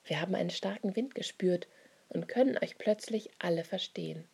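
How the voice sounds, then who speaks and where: A woman reading the part of Peter, an excited, long-winded grown man, in a husky, breathy voice. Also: fairly low pitch, moderate pace, full character voice. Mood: eager. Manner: eager, insistent, long-winded.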